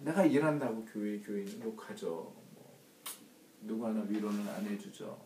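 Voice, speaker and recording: Male Bible study leader with an emphatic, questioning delivery and a warm timbre, recorded in a roomy space with faint noise. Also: fairly low pitch, moderate pace, recorded from a distance. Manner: emphatic, asks the group rhetorical questions. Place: church room.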